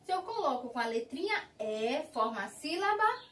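A Brazilian woman teaches preschoolers in a slow, sing-song way, stretching every syllable. Her voice sits a little high. It sounds roomy, picked up by a mic some distance away in a classroom. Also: sing-song, a bit bright. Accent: Brazilian Portuguese. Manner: slow, drawn-out syllables for small children. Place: school classroom.

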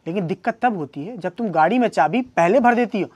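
A man's voice: sits high, expressive, brisk, a little hiss or hum. A man playing a husband in a comedy sketch, trading dry, sarcastic quips with his wife and building into exasperated rants. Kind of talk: scripted comedy sketch acting.

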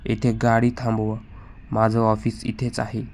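Brief: timid whiny young man, read by a man, flat and low. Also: measured pace, vocal fry.

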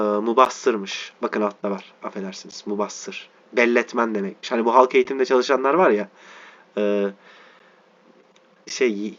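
A man teaching a reading lesson, reading slowly word by word and stopping to spell out letters and explain meanings. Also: lowish voice, fairly bright tone, dull audio.

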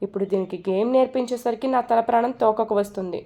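Lady playing a sassy scheming young woman in a story, teasing, mellow voice. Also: a little high, quick pace, lightly acted.

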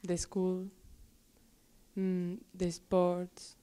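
Teen exchange student girl from northern Spain, lower pitch, giggly and hesitant. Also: monotone, extremely slow, dark tone, clear, resonant tone. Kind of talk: casual interview answers.

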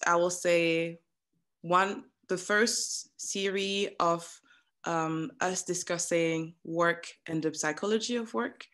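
A woman in her thirties hosting an interview over a video call on a headset from her living room, speaking with frequent pauses and restarts. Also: fairly low pitch, fairly bright tone. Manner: hesitant, restarts often. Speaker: host.

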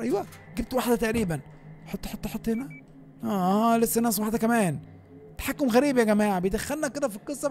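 Fast-talking excitable Egyptian gamer man. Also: extremely high pitch, gravelly. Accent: Egyptian Arabic. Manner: excitable, chatty, talks straight to viewers. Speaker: gaming YouTuber. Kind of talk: live gameplay commentary.

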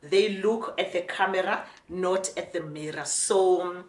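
A woman's voice: fairly low pitch, unhurried. A woman in her forties with a South African Xhosa accent, chatting frankly to camera in a casual vlog and mixing in Xhosa phrases. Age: 40s. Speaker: vlogger. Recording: echoey room with faint music.

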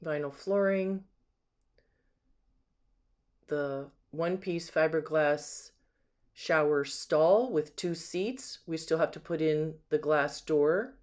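Walking through an empty house with a handheld camera, a home sales agent narrates casually and off the cuff, admiring and describing each thing in turn. The voice sits in the mid range, a little mellow, moving slowly with long pauses.

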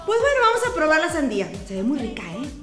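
A woman playing a cheerful kids' show host, lively and exclaiming. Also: high voice, fast talker, heavily acted. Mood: delighted. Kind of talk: children's show acting. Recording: echoey room with music.

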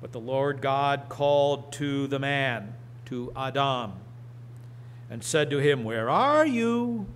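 A middle-aged man preaching and reading scripture from a church lectern, slow and deliberate with emphatic rises. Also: mid-range voice, animated, slight background noise. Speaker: pastor. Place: church sanctuary. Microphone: lectern microphone.

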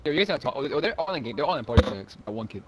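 A young man on a headset in casual gaming chat, excitable, repeating phrases and stumbling over words. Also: mid-range voice, rapid-fire, a crowd in the background. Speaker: gamer in party chat.

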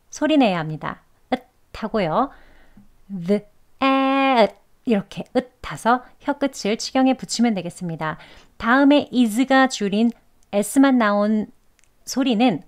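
Korean lady going over english pronunciation, slow and careful, a bit high-pitched. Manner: slow, careful demonstration of sounds. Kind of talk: pronunciation lesson.

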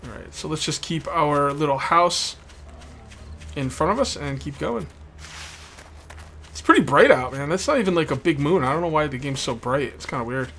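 A man with a fairly bright, somewhat high voice talks at a normal speed with animated delivery and frequent pauses. He's the host of a video game let's play series, giving casual, rambling commentary, repeating himself and speaking around a sore, bitten tongue. Game ambience plays behind him, adding background noise to the recording.

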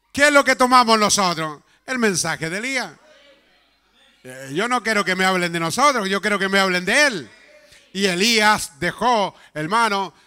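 A man preaching in church, his voice pitched high and strikingly bright and clear. He preaches with fervor and breaks into impassioned shouts, often calling his listeners brother. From Chile. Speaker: pastor. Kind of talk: fervent Pentecostal-style sermon.

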